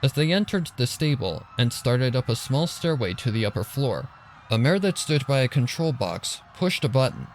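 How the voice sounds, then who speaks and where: Very animated and speaking at a normal speed, a man with a medium-pitched voice tells a story in a theatrical, suspenseful, dramatic scripted manner. Loud ambient effects are layered over him, with slight background noise as well.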